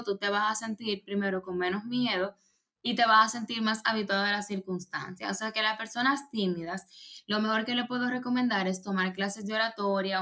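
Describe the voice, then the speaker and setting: In a relaxed conversation, a woman with a mid-range voice coaches on public speaking, explaining at length with lots of fillers and restarts. It comes across as a casual advice chat.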